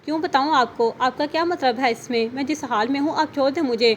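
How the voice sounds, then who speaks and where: A woman's voice: sits high, fairly quick, slight background noise, natural voice. A woman voicing a frightened young wife in an audio novel, speaking in a tearful, pleading way. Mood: bitter. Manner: pleading, sobbing.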